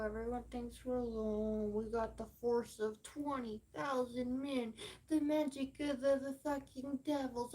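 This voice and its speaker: Slow, profane, rambling woman streamer. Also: high-pitched, darkish tone. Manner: rambling, profane, emphatic, with many fillers. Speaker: livestream host. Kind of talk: rambling livestream monologue.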